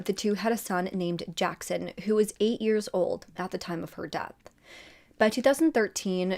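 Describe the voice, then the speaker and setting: A woman's voice: medium pitch, a little mellow. A woman hosts her own true crime channel and walks through a murder case. She talks casually and conversationally, stopping for chatty asides. Her voice sits in a middle register.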